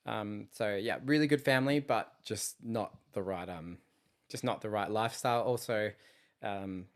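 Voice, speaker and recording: Relaxed man from Chile, fitness coach guest. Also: fairly low pitch, moderate pace. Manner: relaxed and hesitant, with many ums. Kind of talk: casual interview.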